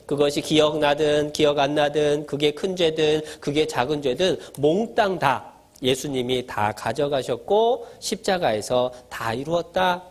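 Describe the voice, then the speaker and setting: A male pastor giving a sermon to children, asking them questions and answering them himself, in a simple, playful storytelling way. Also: on the high side. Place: church gathering for children.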